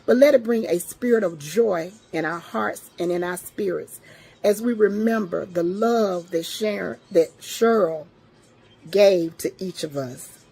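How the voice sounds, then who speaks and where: A woman's voice: mid-range voice, a little slow, creaky, mellow, slightly rough. A tearful woman giving a heartfelt, prayerful memorial tribute. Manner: prayerful, speaks in blessings.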